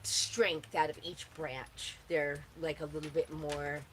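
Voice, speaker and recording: A woman's voice: low voice, little pitch movement, slow, fairly bright tone, low-quality recording. A woman chatting casually and answering questions in a laid-back, stoner-like ramble, recorded outdoors with some background noise. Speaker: host answering gardening questions.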